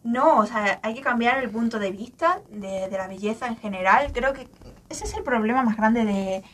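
A woman guesting on a podcast, chatting casually with a friend in an animated, emphatic way. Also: a little high, normal speed, distant mic. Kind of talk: casual chat.

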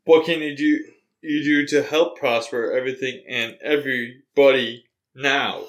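A man's voice: medium pitch, measured pace. A man co-hosting a casual podcast, asking questions in a plain, easygoing way.

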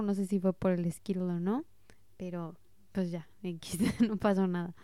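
Warm-voiced Mexican woman telling stories. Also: mid-range voice, smooth, no room sound, clean studio sound. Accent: Mexican Spanish. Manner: chatty and self-mocking, laughs at her own mistakes. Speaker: vlogger sharing language-learning stories. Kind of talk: casual storytelling monologue.

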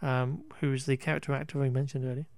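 A man's voice: medium pitch, little pitch movement, fast, creaky, darkish tone, dry recording, studio quality. Wry, rambling man on a podcast. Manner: rambling, wry and exasperated, with frequent restarts and laughs; occasional swearing. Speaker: podcast host recapping a film. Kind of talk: casual chat.

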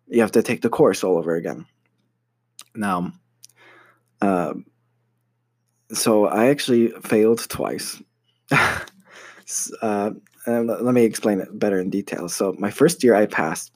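Speaking at a measured pace with frequent pauses, a young American university student with a low, slightly mellow voice relates a personal story about his studies. The delivery is casual and hesitant, packed with fillers and restarts, with no echo in the recording.

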